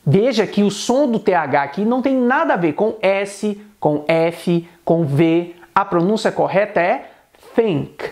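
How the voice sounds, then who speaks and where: A man teaching an online English pronunciation lesson, explaining patiently and repeating example words slowly. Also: high-pitched, animated, darkish tone.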